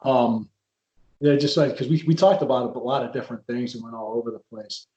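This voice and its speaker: A man in casual conversation, a podcast host who drifts from one wrestling story to the next and often restarts his sentences. His voice sits at an ordinary middle pitch. The room around him is echoey. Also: brisk, mellow. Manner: rambling storyteller with frequent restarts. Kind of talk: casual interview chat. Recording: roomy echo.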